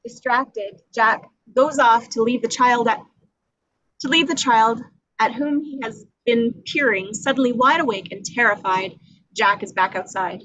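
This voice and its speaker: A woman with a fairly high, slightly bright voice reads the action descriptions of a screenplay at a table read, taking a measured pace and a dramatic storytelling approach. She serves as the reader of stage directions for this scripted narration, and the audio sounds dull.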